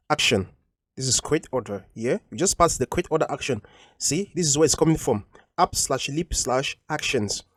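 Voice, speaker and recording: A man's voice: medium pitch, husky, dry recording, studio quality. A man teaching a coding tutorial over a screen recording, explaining patiently and repeating each point with frequent ums.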